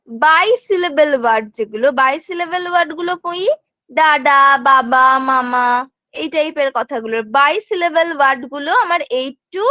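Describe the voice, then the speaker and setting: High-voiced woman teaching a class. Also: no room sound, muffled recording. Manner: explains step by step, asks and answers her own questions; frequent check-ins to students. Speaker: nursing exam tutor. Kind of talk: online lecture.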